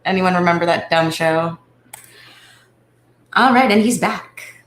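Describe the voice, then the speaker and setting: A woman's voice: fairly low pitch, a little slow, roomy sound, a little hiss or hum. A woman hosting a casual chat over a call, playful and joking. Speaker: podcast host.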